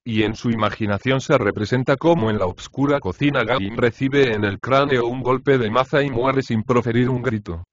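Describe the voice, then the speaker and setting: A man reading a short story aloud as an audiobook narrator, in a steady, plain manner. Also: medium pitch, moderate pace, few pauses, slight background noise. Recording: dry, slightly dull audiobook recording.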